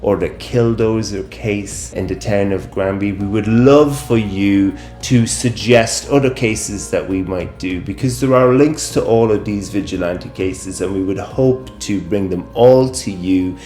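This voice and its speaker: A man hosting and narrating a documentary in a measured, explanatory way, in an echoey room with music underneath. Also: fairly low pitch, dark tone. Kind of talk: scripted narration.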